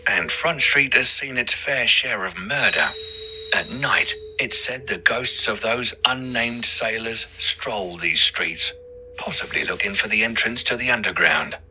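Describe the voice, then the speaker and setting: A man's voice: on the low side, unhurried, sharp tone, slight background noise, rough recording. A man narrating a scripted audio ghost tour as the guide, with theatrical, ominous storytelling over music.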